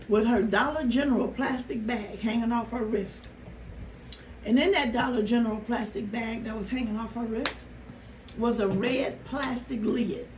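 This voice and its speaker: A woman vlogger telling a story casually to her viewers, animated and exasperated, with rhetorical questions. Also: a little high. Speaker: mukbang vlogger. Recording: roomy, noisy, distant microphone.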